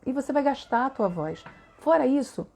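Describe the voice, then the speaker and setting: A woman's voice: high-pitched, animated, normal speed, gravelly, a little mellow. A middle-aged woman with a Brazilian accent, a voice therapist chatting on a live stream and answering viewers, talkative and full of tag questions. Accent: Brazilian Portuguese.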